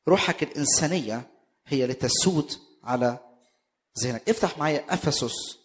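A man preaching a sermon with an Egyptian accent, emphatic and full of rhetorical questions, his voice swelling into loud bursts. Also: medium pitch, lively intonation, fairly quick. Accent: Egyptian Arabic.

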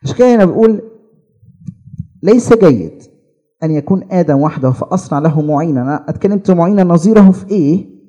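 Husky Egyptian male preacher, mellow tone. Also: high-pitched. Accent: Egyptian Arabic. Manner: questions the audience, then answers with rising emphasis. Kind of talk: sermon.

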